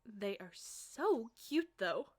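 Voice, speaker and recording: A voice actress performs a flirty ASMR roleplay, soft-spoken and teasing, speaking slowly and often whispering close to the mic. Her voice is a little high with big pitch swings, and the recording is dry.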